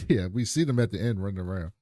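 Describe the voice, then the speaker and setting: A man's voice: lowish voice, expressive, a little fast, warm tone, dry recording. A man co-hosting a podcast, recapping scenes in casual chat and often laughing as he talks. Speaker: podcast co-host.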